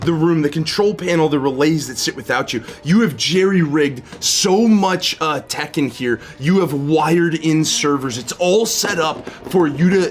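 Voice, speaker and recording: Higher-voiced man narrating as game master. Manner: halting, descriptive, vivid scene-setting. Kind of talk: improvised narration of a tabletop game. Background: music.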